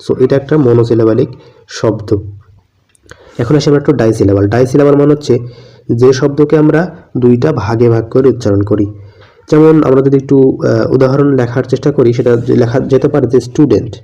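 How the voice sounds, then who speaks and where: Man teaching grammar in a dark voice. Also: medium pitch, a little fast, pauses often, dull audio. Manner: explains step by step, asks and answers his own questions; mixes English terms into his talk. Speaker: English teacher. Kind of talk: classroom grammar lesson.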